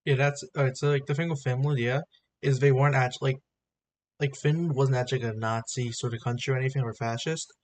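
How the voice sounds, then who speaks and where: Casual male streamer reacting off the cuff, rambling delivery, average pitch, some background noise. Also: fairly even intonation, fast talker, a little mellow.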